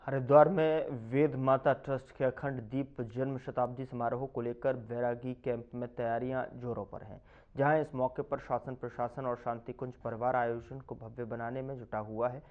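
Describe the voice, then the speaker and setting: A man reads regional news in a punchy, emphatic voice-over, leaning hard on key words. His voice sits at an everyday pitch. The audio is a little muffled and lo-fi. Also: flat delivery, normal speed. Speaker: news reporter. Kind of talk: scripted news narration.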